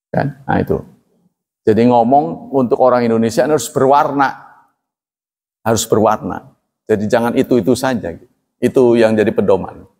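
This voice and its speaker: A man preaching a religious lecture to a congregation, speaking plainly and evenly, often asking listeners to agree. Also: mid-range voice. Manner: plain, even delivery, calls himself flat-spoken. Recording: long reverb in a hall.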